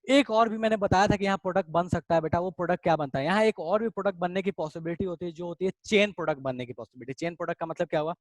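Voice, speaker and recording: Guy teaching a chemistry class online, chatty, talks to students like kids, a bit high voice, dry close sound. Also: rapid-fire, few pauses, no room sound. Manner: chatty, addresses students as beta, reads out their chat comments. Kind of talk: casual online class lecture.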